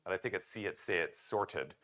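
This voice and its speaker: An older man giving a conference talk, lively and jokey, acting out the remarks of others and poking fun at himself. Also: deep voice, brisk. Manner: animated, jokey, self-deprecating, acts out quoted remarks. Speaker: conference speaker.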